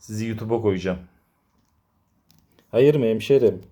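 Man, warm mellow voice, teasing kittens, playful baby talk, phone camera at home. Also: normal speed. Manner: coaxing, teasing, slipping into high baby talk. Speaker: vlogger filming his kittens. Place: home with cats.

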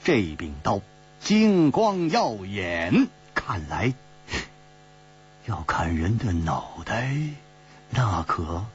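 A man narrating a martial-arts tale in pingshu storytelling style, with a dramatic, expressive delivery. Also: lowish voice, very slow, pauses often, husky. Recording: dull lo-fi recording with mains hum.

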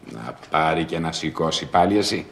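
A man's voice: rumbling low, lively intonation. An actor playing a sulky, superstitious star singer who grumbles at his manager, in 1980s comedy style. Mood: grumpy. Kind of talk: 1980s film comedy acting. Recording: roomy old film track.

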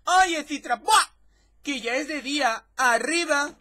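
Man doing a pushy, shouting village boy. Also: very high-pitched, slow, voice pushed up, exaggerated voice. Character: impatient young village boy waking his friend.

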